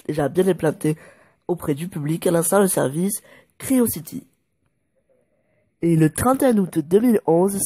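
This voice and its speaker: A man's voice: fairly high pitch, warm tone, slightly rough, no room sound. A man presenting a casual fact video, making joking asides and stumbling over numbers before correcting himself. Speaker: YouTuber presenting facts.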